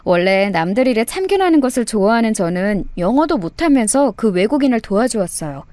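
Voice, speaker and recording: A woman's voice: mid-range voice, darkish tone, no room sound. A woman narrating a first-person story in a confiding, conversational way.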